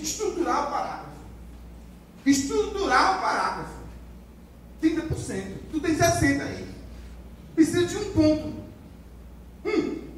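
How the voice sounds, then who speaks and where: A high-voiced Brazilian man leads a lively writing lecture, drilling his class with repeated phrases and call-and-response. He sounds far from the mic in a very echoey classroom with a faint hiss underneath. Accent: Brazilian Portuguese. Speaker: writing teacher.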